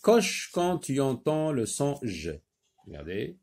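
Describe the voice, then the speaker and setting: A man teaching a reading lesson to young children, slowly modelling sounds and repeating words. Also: medium pitch, very animated, vocal fry, a little mellow.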